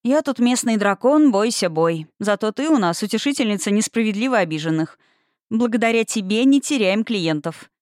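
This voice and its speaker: A bossy, easily flustered young matchmaker, read by a woman narrating a storybook. She sits a bit above her usual pitch and talks with lively energy. The recording is dry and close. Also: moderate pace, no echo, natural voice.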